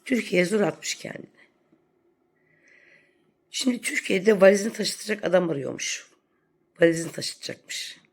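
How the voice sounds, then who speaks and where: A woman vlogger rants to camera in a sarcastic, scolding commentary. Her voice has a gravelly, creaky edge at a middling pitch. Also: animated, normal speed, pauses often. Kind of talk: ranting commentary vlog.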